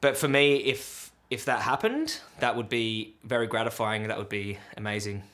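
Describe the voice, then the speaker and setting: A man's voice: fairly low pitch, lively intonation, normal speed, a bit bright. A man speaking as an activist in a documentary interview, reflecting on his own aims. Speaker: vegan activist.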